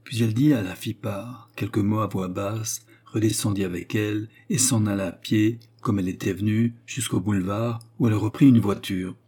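A man narrating a novel as an audiobook in a measured storytelling manner. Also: lowish voice, steady tone, warm tone, slightly rough.

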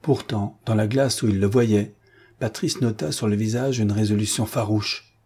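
Male audiobook narrator, measured dramatic read, mellow low voice. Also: fairly even intonation, slightly rough. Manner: measured, dramatic literary reading. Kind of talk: scripted narration.

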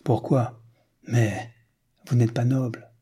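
A wry young French count, hesitant yet blunt, as an audiobook reader puts him on. The voice is mellow and a touch husky. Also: male voice, medium pitch, fairly even intonation, takes it slowly. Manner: hesitant then bluntly frank.

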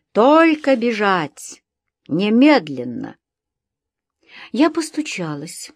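A woman's voice: medium pitch, a little mellow, no room sound, clean studio sound. Woman narrating an audiobook in first person.

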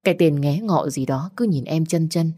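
A woman voicing a caring young man who gently coaxes and protects his grieving girlfriend. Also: low-pitched, normal speed, dry recording, studio quality. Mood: coaxing. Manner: coaxing, protective.

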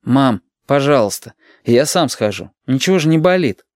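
A young son with a soft, earnest, lively voice, gently reassuring his mother, played by a man reading the story. The sound is dry and close. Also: mid-range voice, normal speed, dry recording, pitched above the performer's own voice, close to an everyday voice. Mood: soothing. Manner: soothing, earnest.

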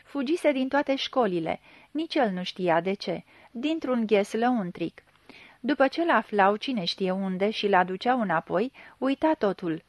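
A woman narrating a literary audiobook in a measured, expressive storytelling manner. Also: mid-range voice, no room sound.

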